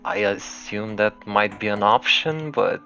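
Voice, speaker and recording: A man voicing a calm, bored young female fox spirit in a tabletop role-play, speaking in a measured, polite way. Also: on the low side, soft background music. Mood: cautious.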